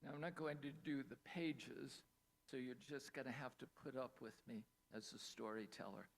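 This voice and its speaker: A man from Pennsylvania, USA, gives a talk over a video call as a storyteller, lingering on single words and adding playful asides. His gravelly voice sits in the mid range, with fairly even intonation and a normal pace.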